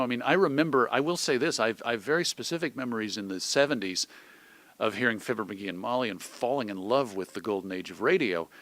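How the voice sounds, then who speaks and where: A middle-aged American man, an old-time radio host appearing as an interview guest, speaks casually and reflectively in a mid-range voice with a fairly bright tone and no echo. He's discursive and thoughtful, thinking aloud and illustrating his points with examples and imagined quotes.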